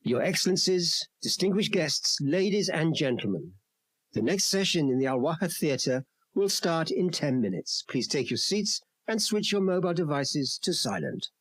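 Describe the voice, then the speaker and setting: A man making a slow, formal venue announcement over the intercom. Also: a little high, animated, no echo. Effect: over the intercom, public address loudspeaker.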